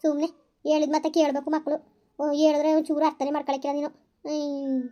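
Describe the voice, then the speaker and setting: A woman plays a weary village mother, rattling off her words at a breakneck clip. Her voice sits high and barely moves in pitch, firm and fatalistic as she hushes her child. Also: flat delivery, dull audio, close to an everyday voice. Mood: scolding. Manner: fast, scolding, fatalistic. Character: weary village mother, scolding yet resigned. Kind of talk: village family drama.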